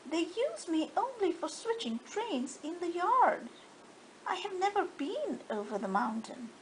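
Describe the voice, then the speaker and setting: A woman voicing a small, kindly, modest female train engine in a storybook, soft and earnest. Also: very high voice, sing-song, unhurried, a little hiss or hum, pitched above the performer's own voice, exaggerated voice, poor audio.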